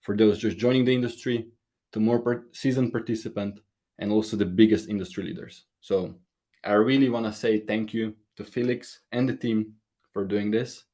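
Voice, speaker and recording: A man speaks at a slightly low pitch. He delivers a prepared conference talk earnestly, a little nervous, with small grammar slips. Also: fairly even intonation, moderate pace, warm tone. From Slovenia.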